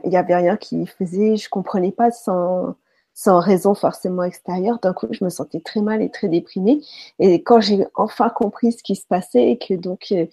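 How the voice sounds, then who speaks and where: Woman guest, warm mellow tone, shares her story hesitantly. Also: fairly low pitch. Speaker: guest sharing experience. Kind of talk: casual chat.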